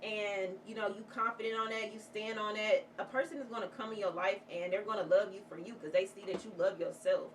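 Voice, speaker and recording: While doing her makeup in a casual get-ready-with-me chat, a woman vlogger talks a little fast in a medium-pitched, fairly even voice, barely pausing. She rambles candidly and heartfeltly, swearing freely as she gives a motivational talk. The mic is distant, and background noise is clearly audible.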